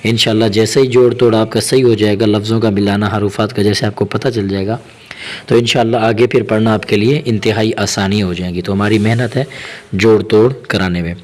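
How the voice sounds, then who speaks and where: A man teaching Quran reading as a teacher. He explains quickly and then spells out the syllables slowly and drawn out. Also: fairly low pitch, steady tone. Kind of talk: spelling-out lesson.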